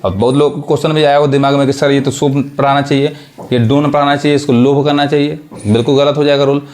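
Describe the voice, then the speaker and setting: A man's voice: mid-range voice, flat delivery, fast talker, darkish tone. A man teaching an English pronunciation lesson, who spells words out letter by letter and keeps asking whether his students follow. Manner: repeats check questions, spells words letter by letter. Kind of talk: spoken classroom lesson.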